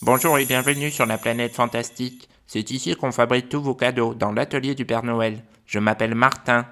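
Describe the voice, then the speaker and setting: A man doing a hurried chatty chief elf. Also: medium pitch, fairly even intonation, a bit bright, pitched above the performer's own voice, lightly acted. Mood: busy. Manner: brisk, hurried explanations.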